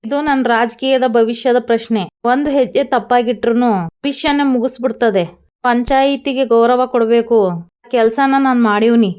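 A stern, proud village headman laying down his terms, voiced by a woman narrator. His words come firm and decisive in a clear, smooth, slightly high voice with little rise and fall. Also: steady tone, moderate pace, a little mellow, lightly acted.

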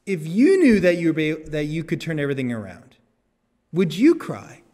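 A man's voice: on the high side, very animated, moderate pace, mellow. A male pastor preaching a sermon, earnest, repeating key phrases and putting questions to the congregation, children included. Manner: asks the congregation questions, also speaks to children. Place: church sanctuary. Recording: long church hall reverb.

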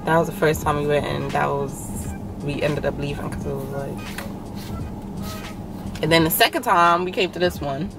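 A woman's voice: low-pitched, moderate pace, creaky, pauses often, heavy background noise. A young woman vlogger in casual, rambling chat, filming from a parked car at a drive-in. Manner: chatty, rambling, laughing often.

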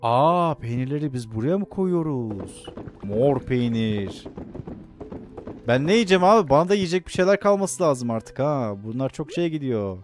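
A man's voice: mid-range voice, animated, normal speed, darkish tone. Male streamer, casual let's-play chatter, reads game text aloud, faint game music underneath. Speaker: gameplay streamer.

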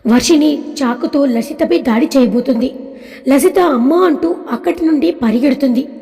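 A woman narrating a family drama story with a steady, plain reading. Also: sits high, moderate pace. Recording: long reverb.

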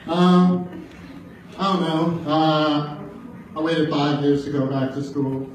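A man's voice: on the high side, steady tone, slow pace. A man in his twenties from the American Midwest doing stand-up at an open mic, rambling loosely with lots of fillers and swearing. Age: 20s. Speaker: stand-up comedian. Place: bar or club room at an open mic. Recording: very echoey room, distant mic, faint noise. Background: audience laughter.

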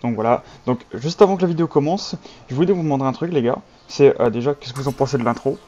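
Dark-voiced casual male gaming host. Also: medium pitch, fast talker. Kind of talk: casual video intro addressed to viewers. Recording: slightly dull, muffled sound.

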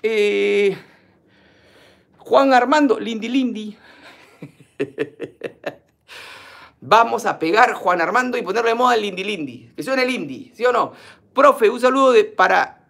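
Gravelly man chatting on a live class. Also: sits high, animated, moderate pace, a bit bright. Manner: chatty, reads viewer comments aloud and runs playful polls. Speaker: teacher hosting a live class. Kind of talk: casual live-stream chat.

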